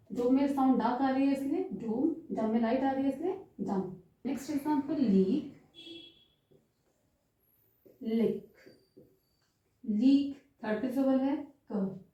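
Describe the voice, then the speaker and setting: A high-voiced woman explains stenography marks slowly, step by step, drawing out the vowels she demonstrates. The recording sounds distant and dull, as if made from across a very echoey room. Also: mellow. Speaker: stenography teacher. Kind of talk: slow step-by-step lesson, mixing English terms. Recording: roomy, distant, muffled sound.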